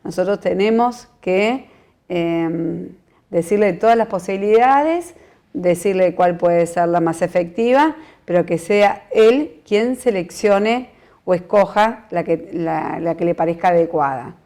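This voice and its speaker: A woman with a Uruguayan Spanish accent teaching a recorded training course, explaining in a measured way with frequent fillers and restarts. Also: on the low side, warm tone. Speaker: course instructor.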